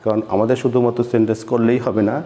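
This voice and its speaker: Bangladeshi guy teaching class, patient, keeps repeating himself, dark mellow voice, roomy reverb. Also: mid-range voice, little pitch movement, rapid-fire. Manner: patient, repeats words while explaining. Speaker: English teacher. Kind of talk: online class lecture. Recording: echoey room with long reverb.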